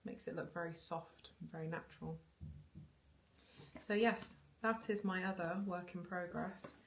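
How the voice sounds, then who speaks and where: Speaking at an unhurried pace in a fairly low voice, a knitting vlogger in her thirties from Wales chats to a tripod-mounted camera facing her. She's indoors in a bookshelf-lined living room, rambling with ums, restarts and small laughs.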